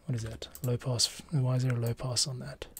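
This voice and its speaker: A middle-aged man, who streams and edits podcast audio, gives flat, fairly quick casual commentary while working on a project. The mid-range voice comes from a small home studio via a microphone on an arm close to his mouth, against a noisy background and clear keyboard and mouse clicks.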